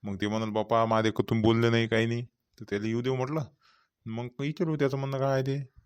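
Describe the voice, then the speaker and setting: Voicing a talkative male farmer who chairs a village meeting in a cartoon comedy, a man speaks fast and smoothly in a mid-range voice that barely shifts in pitch. The light acting features a rural Vidarbha Marathi accent, with rambling, repetitive, businesslike chatter.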